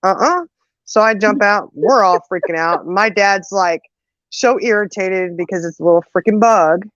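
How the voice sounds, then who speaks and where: A woman co-host in a casual chat, telling a story in an animated way and acting out the quotes, on a dull lo-fi recording. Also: mid-range voice, moderate pace, no room sound. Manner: animated, acts out quotes, laughs often.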